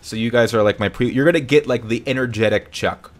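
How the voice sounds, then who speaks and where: A young man with a mid-range voice hosts a casual live stream, talking fairly quickly in an upbeat, rambling way and often correcting himself. He's hiccuping.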